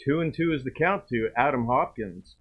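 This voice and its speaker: A man with a Canadian accent doing play-by-play baseball commentary, chatty and quick to laugh at himself. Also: medium pitch, expressive, slightly rough. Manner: chatty, self-deprecating, laughs easily. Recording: dull lo-fi stream audio.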